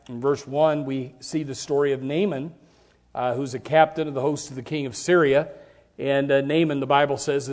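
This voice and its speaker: A man preaching a sermon, praying and then retelling a Bible story, acting out the characters as his voice climbs and gets louder. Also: a little high. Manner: animated, acts out the characters with rising voice.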